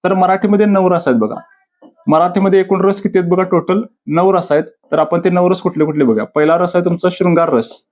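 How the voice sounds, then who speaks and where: A man's voice: high voice, darkish tone. A man teaching grammar for competitive exams in a video lecture, repeating each answer as a question-and-answer drill. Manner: repetitive, quizzing himself with question-and-answer drills; drawn-out, deliberate delivery of quoted verses. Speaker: exam-prep teacher. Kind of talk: classroom-style video lecture.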